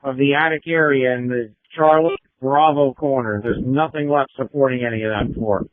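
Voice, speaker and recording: A man's voice: medium pitch, steady tone, moderate pace, no room sound. A man working as a fire officer, giving clipped orders in fireground traffic over a two-way radio. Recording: tinny narrow-band fire radio.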